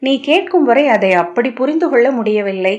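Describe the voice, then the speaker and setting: A woman's voice: a little high, animated, moderate pace, darkish tone, lightly acted. A woman reading the lines of a dazed young male disciple, who recounts a strange night in a bewildered, dreamlike way, on a dull lo-fi recording. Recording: dull lo-fi audio.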